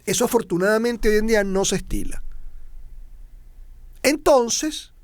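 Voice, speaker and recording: A man's voice: high voice, lively intonation, unhurried, no echo. A middle-aged Venezuelan man with a Venezuelan accent hosts a motivational talk, emphatic, repeating and stretching key words for effect. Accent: Venezuelan Spanish. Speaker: motivational speaker and host.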